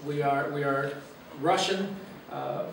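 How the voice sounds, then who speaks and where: Speaking to a church gathering in a meeting room or church hall, a university president in his fifties from Los Angeles, USA gives a personal, earnest and reflective guest talk full of "uh" pauses. His voice is fairly high and creaky. The mic sits far away in an echoey room, with background noise.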